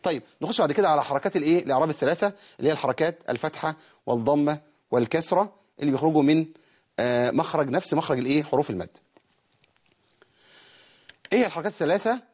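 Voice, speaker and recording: A man with an Egyptian Arabic accent teaching Quran recitation on a program. He poses rhetorical questions, then answers them himself, and slowly stretches out words to show how they should be recited. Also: a little high, animated, darkish tone, breathy edge. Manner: slowly draws out words to model correct recitation. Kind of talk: televised Quran recitation lesson.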